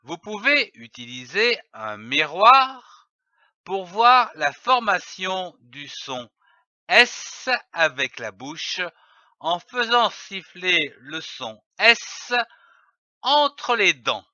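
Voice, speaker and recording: A man giving a slow reading lesson, spelling letters and syllables out one by one with careful pronunciation. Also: high voice, big pitch swings, pushed and bright, no room sound, muffled recording. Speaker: reading teacher.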